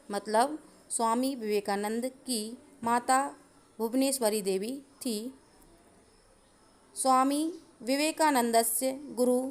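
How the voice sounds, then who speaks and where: A woman teacher going through Sanskrit grammar answers, dictating them slowly and methodically. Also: a little high. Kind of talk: explaining a grammar lesson.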